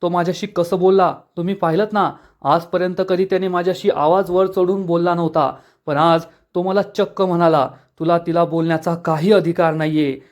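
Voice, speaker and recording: A man voicing a furious, superstitious middle-aged mother in a dramatic serial recap, with rushed, accusing lines. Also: high-pitched, fairly even intonation, close to an everyday voice. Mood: angry, accusing.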